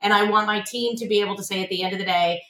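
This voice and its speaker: A woman's voice: medium pitch, fairly even intonation, rapid-fire, sharp tone. Earnest woman in an echoey room. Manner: earnest, motivational, repeats words when starting a thought. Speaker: insurance agency owner, podcast guest. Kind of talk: casual interview chat.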